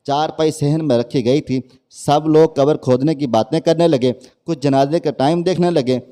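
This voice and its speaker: A man's voice: on the high side, mellow. A man reading out a woman's sad first-person story as scripted narration.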